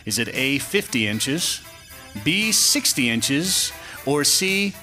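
Male radio host, quizmaster, upbeat game-show delivery, very lively pitch. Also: slow, soft background music. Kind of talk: casual radio quiz chat.

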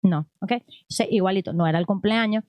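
A middle-aged woman talks through religious ideas in a loose, rambling way, checking in with her listener as she goes. Her voice sits at an ordinary pitch for a woman. The recording is dry and close, with no room around her. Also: fairly quick, no room sound, lo-fi sound. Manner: animated, rambling, frequent "o sea" and "¿ok?". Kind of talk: casual religious conversation.

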